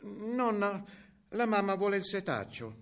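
A man voicing a clever little girl in a fairy tale, speaking in a high, pleading childlike voice. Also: big pitch swings, measured pace, full character voice.

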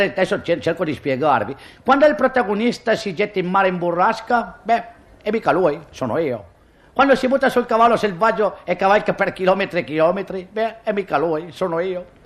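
Comic monologist, high voice, self-mocking patter. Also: male voice. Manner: chatty, self-mocking, exclamatory asides.

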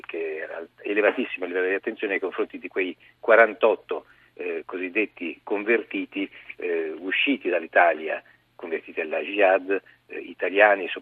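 A low-voiced man calls in by phone as a guest journalist, his tone measured and explanatory. The voice is husky and comes through a dry, tinny phone line. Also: no room sound. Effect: heard over the phone. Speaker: magazine deputy editor, guest journalist. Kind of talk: phone-in news briefing.

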